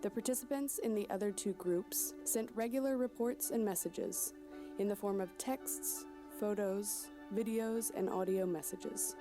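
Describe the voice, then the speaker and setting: A woman's voice: mid-range voice, a little slow, over music. A woman reading scripted narration for an informational report.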